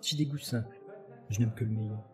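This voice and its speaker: A man's voice: on the high side, big pitch swings, a little slow, mellow, husky, faint music behind, pitched above the performer's own voice, exaggerated voice. A man voicing a flamboyant, witty male poet who is anxious and pleading, in a mannered way of talking.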